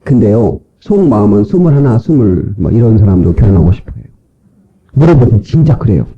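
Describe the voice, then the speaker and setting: A man's voice: lowish voice, sing-song, fairly quick, highs cut off. A male pastor preaching a sermon in a church, joking with the congregation and mimicking people's voices.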